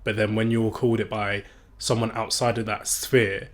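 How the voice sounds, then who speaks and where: A man's voice: lowish voice, little pitch movement, normal speed. A man chatting casually as a podcast co-host. He rambles through his points, scattering "like" and tag questions along the way. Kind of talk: casual chat.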